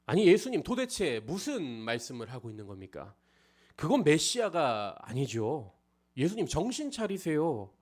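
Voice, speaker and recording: A man's voice: a little high, wildly swooping pitch, moderate pace, a little mellow, pitched above the performer's own voice. A man voicing an indignant male disciple who protests with exasperated rhetorical questions.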